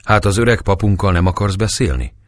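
A man voicing a calm, kind middle-aged village woman in a storybook reading, his voice raised higher. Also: no room sound. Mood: gentle.

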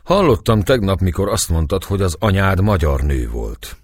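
A man voicing a calm, shrewd priest questioning a prisoner, with a husky voice. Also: deep voice, no room sound, clean studio sound, voice pushed up, heavily acted. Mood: probing. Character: calm, shrewd Hungarian male priest, sharp and probing.

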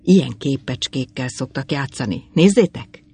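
A man's voice: medium pitch, animated, creaky, darkish tone, breathy edge. A man voicing a sly old wandering pilgrim who cheats at cards, humble in tone but cunning. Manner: humble-sounding yet cunning.

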